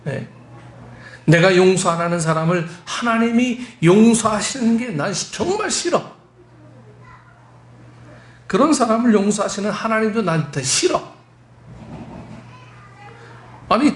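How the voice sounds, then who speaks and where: A man's voice: a little high, expressive, unhurried, roomy sound. A man voicing a petulant, resentful prophet who complains like a sulking child.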